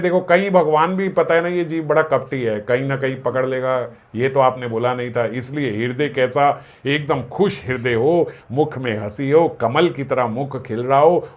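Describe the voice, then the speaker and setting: A man giving a devotional discourse, explaining scripture verses, asking his own questions and answering them, and slowing down to chant Sanskrit lines. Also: mid-range voice. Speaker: spiritual discourse speaker.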